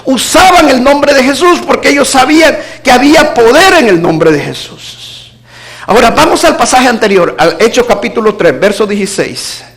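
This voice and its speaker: A man preaching a sermon as pastor, moving between emphatic declarations and hushed low asides. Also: animated, normal speed.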